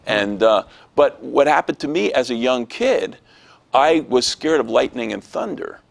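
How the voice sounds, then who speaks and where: A man telling a personal testimony in an interview, animated and acting out the voices of people he quotes. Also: mid-range voice, a little slow, gravelly.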